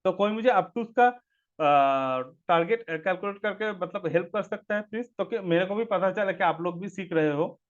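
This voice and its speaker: Male trainer, high voice, patient step-by-step teacher reading numbers aloud, lo-fi stream sound. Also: normal speed. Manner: explains step by step, reading chart figures aloud; asks the audience to answer. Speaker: stock market trainer. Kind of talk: live online trading class.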